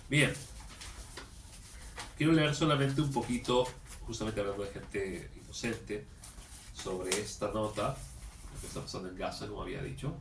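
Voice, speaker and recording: A man's voice: on the low side, moderate pace, creaky, long pauses. A tired man hosting a commentary channel, talking casually and reading a news article aloud, with many tag questions and repeated words. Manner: conversational, tags phrases with "¿no?", repeats words. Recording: echoey room, distant mic, faint noise.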